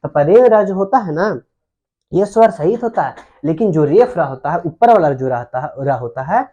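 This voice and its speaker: A man's voice: fairly high pitch, expressive, moderate pace, dark tone, lo-fi sound. A man teaching Hindi grammar at a board, who repeats terms and asks his students questions. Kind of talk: whiteboard grammar lesson.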